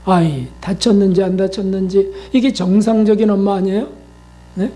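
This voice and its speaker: A man's voice: high-pitched, steady tone, normal speed, mellow, a little hiss or hum. A male pastor preaching a sermon in a conversational style, often asking the congregation questions and acting out quoted voices.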